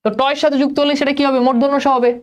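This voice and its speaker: Young man teaching, high voice. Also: little pitch movement, racing, lo-fi sound. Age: young adult. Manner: repeats questions, prompts students to answer. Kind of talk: spelling lesson to students.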